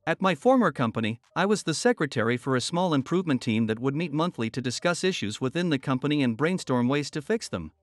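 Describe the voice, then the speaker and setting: A man narrating workplace and army stories in a steady scripted storytelling voice, lightly voicing the people in them. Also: medium pitch, fast, few pauses, dry recording, soft background music.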